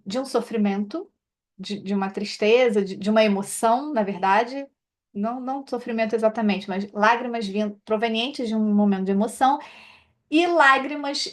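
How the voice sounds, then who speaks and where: Uma mulher com sotaque brasileiro, terapeuta, comentando um livro num tom de conversa, com muitas hesitações e recomeços. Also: female voice, mid-range voice. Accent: Brazilian Portuguese. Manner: hesitant, many fillers and restarts. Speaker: therapist reading and commenting on a book. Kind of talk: informal spoken commentary on a book chapter.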